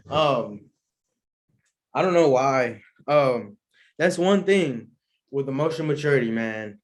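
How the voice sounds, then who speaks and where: Rambling, slangy young man chatting. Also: mid-range voice. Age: young adult. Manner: rambling and slangy, full of fillers and asides. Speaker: podcast host. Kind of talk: casual solo chat answering questions.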